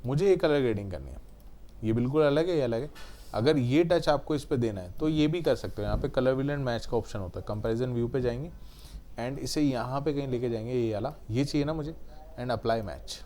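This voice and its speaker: A man in a step-by-step editing tutorial, his voice sitting in an ordinary middle pitch. He explains patiently, drops English technical terms into his sentences and keeps checking in with "right?". A faint room hum runs under the recording. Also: fairly quick, mellow. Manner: explains step by step, often adds the tag question "है ना". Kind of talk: screen-recorded software tutorial.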